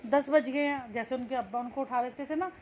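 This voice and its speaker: Reading from a textbook story, this young teacher speaks in a high, brisk, somewhat mellow voice, with a little background noise. She goes line by line, explaining each one plainly.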